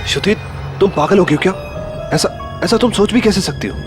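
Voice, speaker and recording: Young man, fiancé, calm and dismissive, average pitch, music under; actor in a broadcast horror drama. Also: brisk, lightly acted. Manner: soothing, dismissive, steady. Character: calm, reassuring young fiancé, doubtful and practical.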